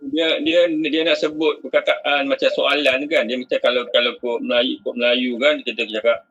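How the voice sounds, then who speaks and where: Husky Malaysian man asking questions. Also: medium pitch, little pitch movement, moderate pace, fairly bright tone, highs cut off. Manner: questioning, restarts thoughts. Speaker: student. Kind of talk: casual study chat.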